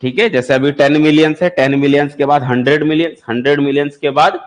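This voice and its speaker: A man's voice: on the high side, fairly even intonation, fast. Male maths teacher quizzing his class. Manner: explains step by step, quizzing students with repeated questions. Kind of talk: classroom lecture for exam prep.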